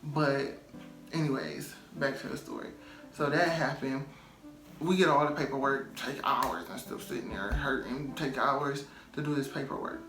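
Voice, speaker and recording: A man's voice: medium pitch, moderate pace, fairly bright tone. A man telling a personal story in a loose, chatty way, full of "um" and "like" and repeated phrases for emphasis. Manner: loose, chatty, many "um" and "like" fillers. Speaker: storytime vlogger. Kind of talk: casual storytelling. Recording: roomy echo, faint music behind.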